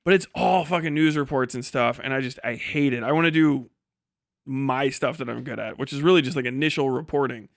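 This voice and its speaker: This livestream host and video creator sounds tired as he rambles, rants, and swears bluntly and often during casual chat. His medium-pitched voice is gravelly and brisk, with a dry, clean studio recording.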